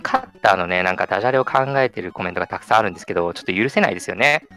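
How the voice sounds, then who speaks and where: A man commentating a live game run in a chatty way, often tagging his sentences with a soft "ne". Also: low-pitched, expressive, racing, faint music behind. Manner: chatty, lots of sentence-final "ne" tags. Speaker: speedrun commentator.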